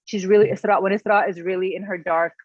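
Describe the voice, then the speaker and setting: A woman's voice: mid-range voice, steady tone, fast talker, no room sound. A woman in her thirties, a guest author, talking in an earnest, emotional and personal way in a casual interview. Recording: dull, slightly lo-fi, dry sound.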